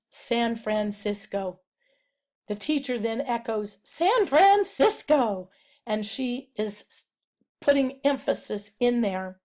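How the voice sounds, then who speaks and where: High-voiced woman walking through a novel for class, calm and explaining. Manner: measured, explanatory, reads quotes aloud. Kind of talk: narrated literary analysis presentation.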